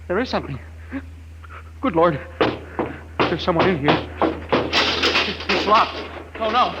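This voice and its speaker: A man's voice: sits high, muffled recording, exaggerated voice. A stammering, terrified trapped man. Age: 40s. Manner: stammering, panicky. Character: frightened middle-aged man trapped in a dark silo. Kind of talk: 1950s radio drama acting. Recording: very noisy old radio recording.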